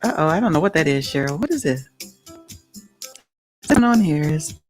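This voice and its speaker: A young adult woman hosting a live-stream talk show, excitable and gushing, laughing often. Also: deep voice, moderate pace, faint music behind.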